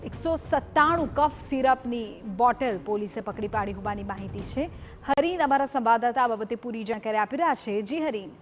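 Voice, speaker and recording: Woman news anchor, formal and measured. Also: fairly high pitch, lively intonation, faint music behind. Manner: measured, formal delivery with brief hesitations. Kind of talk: news reading.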